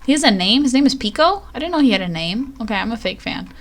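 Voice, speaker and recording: A woman's voice: on the high side, animated, fast. A woman streamer chatting casually on a live stream, rambling and poking fun at herself. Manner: chatty, self-deprecating, rambling.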